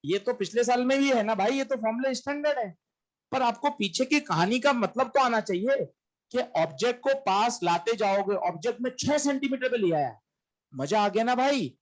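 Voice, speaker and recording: A man's voice: extremely high pitch, lively intonation, normal speed. A man teaching a physics lesson in a classroom-lecture style, quizzing students and answering his own questions in a coaxing, emphatic way.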